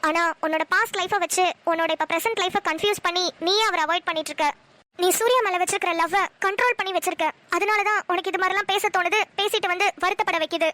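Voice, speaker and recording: A woman's voice: very high voice, fast talker, pushed and bright. A woman voicing a frank young woman in a cartoon who earnestly coaxes her friend. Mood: persuading. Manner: earnest, persuading. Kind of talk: Tamil cartoon voice acting.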